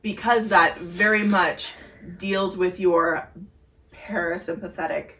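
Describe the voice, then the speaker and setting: A woman's voice: lowish voice, fairly even intonation, takes it slowly, bright, forceful tone, recorded from a distance. A woman co-hosting a podcast, earnestly explaining breathing exercises in casual chat with many fillers. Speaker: podcast co-host. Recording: echoey room heard from afar.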